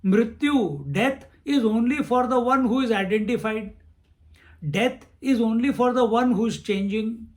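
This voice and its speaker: A man's voice: very high-pitched, measured pace. A man giving a spiritual discourse on scripture, repeating phrases and chanting verses. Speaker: swami teaching scripture.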